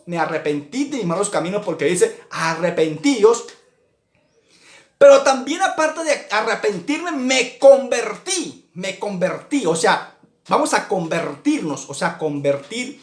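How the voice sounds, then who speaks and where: A man's voice: sits high, echoey room. A man from Colombia teaching an online church Bible lesson, earnest and repetitive, with many restarts.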